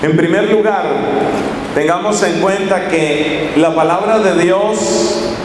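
A middle-aged man preaches into a handheld mic, his voice sitting a little high for a man. He teaches in a measured, list-like way and repeats key phrases. The church around him rings with a long, heavy echo, and steady noise sits underneath. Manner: measured teaching with lists and repetition. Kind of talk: sermon. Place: church sanctuary with altar and statues. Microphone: handheld microphone. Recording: echoey hall with background noise.

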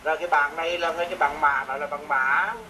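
A man teaching music software to a student, with a fairly high, bright voice. He gives patient, repetitive step-by-step instructions. Faint noise sits behind him. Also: fairly even intonation, fairly quick, low-quality recording. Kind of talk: remote software lesson.

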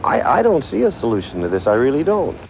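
Older man, expressive, in noisy street. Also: mid-range voice, fast talker. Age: 60s or older. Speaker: street interviewee. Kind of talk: unscripted street interview. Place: outdoors in the street. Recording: outdoor street interview with clear noise.

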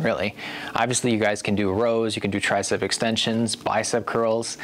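A man in his thirties from the USA, relaxed and chatty, reviewing home gym equipment to camera and calling his viewers guys. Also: on the low side, a little hiss or hum. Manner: relaxed and conversational, keeps addressing viewers as guys. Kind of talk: casual product review to camera.

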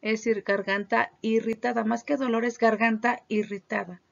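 A woman teaching children English vocabulary in a review class, saying each English word slowly and carefully and then giving its meaning. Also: on the high side, flat delivery, gravelly. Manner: slow, careful pronunciation of English words with Spanish glosses. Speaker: primary school English teacher. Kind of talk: online class review, bilingual vocabulary drill. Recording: dull lo-fi recording.

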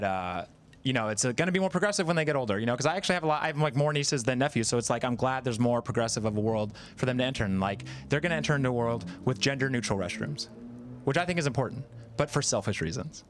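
On stage at a live comedy venue with an audience, a man in his thirties does stand-up. His medium-pitched voice is animated and quick as he chats, makes fun of himself, and acts out quoted voices.

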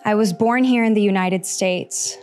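This storyteller is a Costa Rican woman in her 30s performing a personal story monologue before a seated audience on a small stage. Her medium-pitched voice has a clean, darkish tone, carried by a handheld mic with faint music beneath. She goes slowly and earnestly, pausing often.

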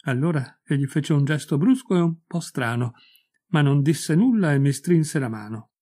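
A man narrating a short story as an audiobook reader, in a measured, clear storytelling delivery. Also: fairly high pitch, animated, dark tone.

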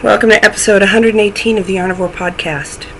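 Talking fast, a young woman chats casually to camera for her knitting podcast, recorded in a small room at home. Her voice is stuffy and snuffly at a medium pitch with fairly even intonation, and she drops self-deprecating asides. The recording is low quality, with slight background noise.

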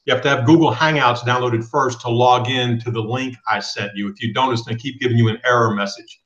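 A middle-aged host of a live trucking channel streams a video chat from a small home room, speaking firmly and directly as he reads viewer questions aloud. His voice is medium-pitched, fairly even and brisk, with a fairly bright tone. The webcam audio sounds roomy and slightly dull.

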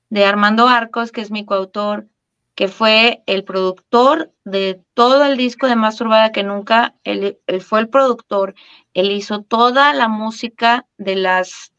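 A middle-aged woman with a Mexican accent, telling her story as an interview guest, animated and full of restarts. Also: a little high, clear, resonant tone, highs cut off. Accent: Mexican Spanish. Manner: animated, many restarts and fillers, laughs at her own story.

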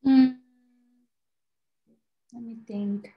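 A woman's voice: on the high side, steady tone, extremely slow, lo-fi sound. A young woman from Thailand, a guest product designer, answering questions casually on a video call, thinking aloud with fillers and restarts. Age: young adult. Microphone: laptop mic on a video call.

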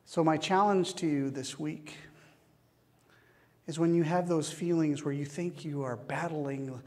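A man preaching a sermon as pastor, slow and measured with long pauses, recorded in a church. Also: fairly high pitch, darkish tone. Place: church sanctuary. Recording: long church hall reverb.

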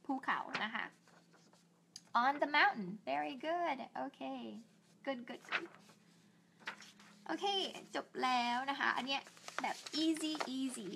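A young woman with a fairly high, sharp-toned voice teaches a bilingual online English lesson, with a slight hiss or hum in the audio. She stretches each English word out slowly, sprinkles in repeated Thai polite particles, and chats in a friendly, self-deprecating way while asking viewers for help.

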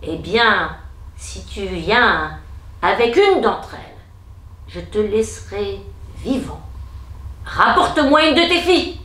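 A woman's voice: medium pitch, sing-song, slow, long pauses, fairly bright tone. A woman voicing a furious monstrous male beast in a told fairy tale, roaring and menacing, in an echoey room.

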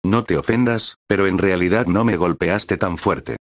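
A man's voice: low-pitched, moderate pace, no room sound, studio quality. A man reading a cheerful senior student. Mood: friendly. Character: cheerful older male student fighter.

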